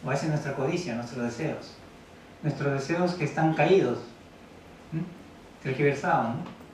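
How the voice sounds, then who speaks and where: A man's voice: a little high, normal speed, a little hiss or hum. A man preaching a sermon in a church hall. He reads Bible verses aloud and keeps asking the congregation questions. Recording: very echoey room, mic at a distance.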